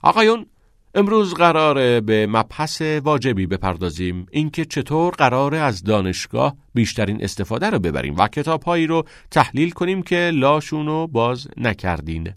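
A man's voice: mid-range voice, no room sound, studio quality, pitched above the performer's own voice. A man voicing a passionate, unconventional male teacher who talks expressively and teases his students. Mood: earnest. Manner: expressive, teasing.

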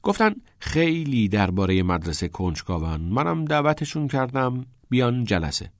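A man's voice: mid-range voice, very animated, no echo, studio quality. A man voicing a cocky, rebellious teenage schoolboy, cool and self-assured with a teasing edge.

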